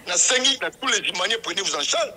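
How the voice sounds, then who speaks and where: High, bright-voiced insistent man. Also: lively intonation, quick pace. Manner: insistent, emphatic, repeats his points. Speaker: club supporter. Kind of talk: heated interview talk.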